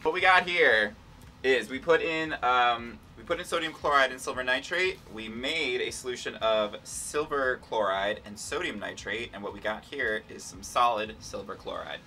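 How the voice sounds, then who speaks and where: A man's voice: mid-range voice, normal speed, sharp tone, a little hiss or hum. A young man hosting a casual science game with playful, campy enthusiasm, recorded in a lab. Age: young adult. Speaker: game host. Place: small laboratory, indoors.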